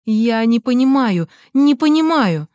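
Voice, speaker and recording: A woman's voice: expressive, fast talker, a little mellow, no room sound, studio quality. A woman doing a tearful young girlfriend. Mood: pleading. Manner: pleading, high and tearful.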